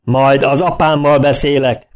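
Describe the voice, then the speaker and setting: A man voicing a defiant fifteen-year-old boy who shouts, in a storybook reading. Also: on the high side, big pitch swings, pitched above the performer's own voice. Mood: shouting.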